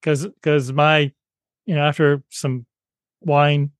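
A man hosts an interview in an easygoing, agreeable way, often restarting his sentences. His voice sits a little high for a man. The sound is close and dry. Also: level tone, slow, smooth, no room sound. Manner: affable, agreeable, frequent restarts. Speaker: interviewer, host. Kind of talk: conversational interview.

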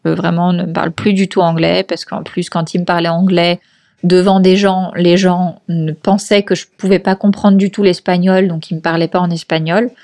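A woman's voice: fairly low pitch, level tone, normal speed, a little mellow. Chatty French-speaking woman guest. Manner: chatty, many fillers and restarts, laughs easily. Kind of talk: casual conversational interview.

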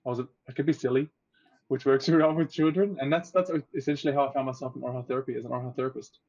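A man in his twenties, an oral health therapist from Egypt, talking casually as a podcast guest with a relaxed, chatty manner and easy laughter. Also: mid-range voice, very fast. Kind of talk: casual interview. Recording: dull lo-fi audio.

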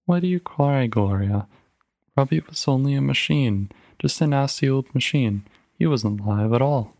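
A man's voice: mid-range voice, expressive, normal speed, gravelly, darkish tone, dry recording. A man voicing a stern, determined mother, reading her lines firmly and insistently in a storybook reading. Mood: coaxing. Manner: firm, clipped and insistent.

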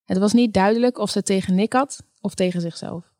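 A woman reads a story aloud at a calm, even pace. Her voice sits in the middle range, and the recording is dry and close with no room echo. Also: medium pitch, brisk. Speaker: audiobook narrator. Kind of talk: scripted narration.

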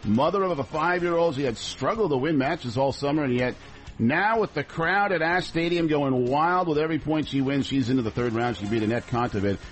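A man's voice: on the high side, fairly quick, poor audio. A man working as a sports reporter, delivering a scripted radio sports update.

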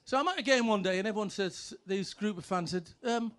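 Brief: middle-aged ex-player man, high voice, brash comic yarns. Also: a little fast, a bit bright, smooth. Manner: brash, punchy, sweary punchlines. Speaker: former footballer telling stories. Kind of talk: comic anecdotes, stand-up storytelling.

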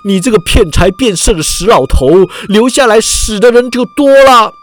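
A man voicing a rough, scornful male heckler who jeers coldly. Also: medium pitch, big pitch swings, slow pace, fairly bright tone, voice pushed down. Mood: angry. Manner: cold, jeering.

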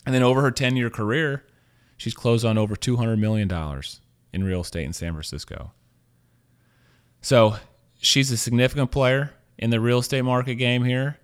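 A man's voice: medium pitch, normal speed, clear, resonant tone. A man hosting an interview, presenting and asking questions in a conversational style. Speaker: interview host.

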